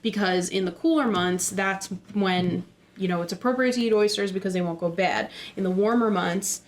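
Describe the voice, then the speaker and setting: Kletsende vrouw als podcast-cohost. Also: female voice, mid-range voice, normal speed. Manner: chatty, explains with swearing and fillers. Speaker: podcast co-host. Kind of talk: casual chat.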